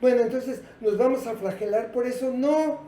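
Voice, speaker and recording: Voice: medium pitch, moderate pace, warm tone, a little hiss or hum. A teacher giving a patient lesson and asking the class rhetorical questions. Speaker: English teacher. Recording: roomy, from a distance.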